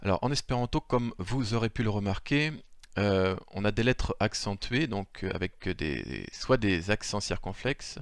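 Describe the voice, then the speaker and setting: Man, improvised lesson, low voice, hesitant, many filler sounds, dry close sound. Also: animated, normal speed, no echo. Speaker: language teacher. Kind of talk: improvised screen-share lesson.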